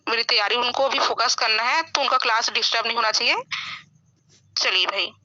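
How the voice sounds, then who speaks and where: Woman teacher doing an online english class, high sharp voice, keeps checking the kids follow, muffled lo-fi audio. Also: fairly quick. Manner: explains grammar rules, frequently checks in with "है ना?".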